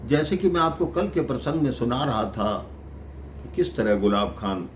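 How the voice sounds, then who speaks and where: A man's voice: mid-range voice, lively intonation, normal speed, a little hiss or hum. A man telling a devotional story, addressing listeners affectionately as brothers and sisters. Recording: echoey room.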